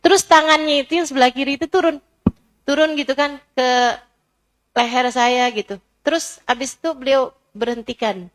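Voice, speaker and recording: A middle-aged woman preacher giving a sermon through a personal story, her voice moving from soft and low to high and emotional. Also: moderate pace.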